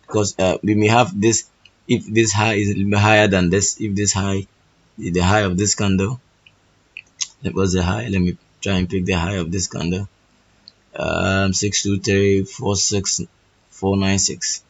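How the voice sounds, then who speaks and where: Hoarse, husky man, lowish register, thinking-aloud tutorial delivery full of restarts, dull lo-fi recording. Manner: halting, restarts phrases often. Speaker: trading educator. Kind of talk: thinking-aloud chart walkthrough.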